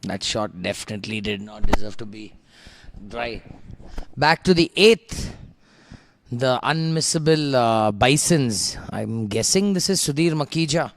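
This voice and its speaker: A man's voice: medium pitch, unhurried. A man commentating live on golf in a conversational way.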